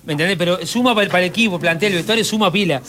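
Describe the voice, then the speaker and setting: A Uruguayan man on a comedy panel, telling rambling stories and circling back on his words. His voice sits high and the talk runs fast. Clear background noise sits under the recording. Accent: Uruguayan Spanish. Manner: rambling storyteller, repeats himself. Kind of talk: casual banter.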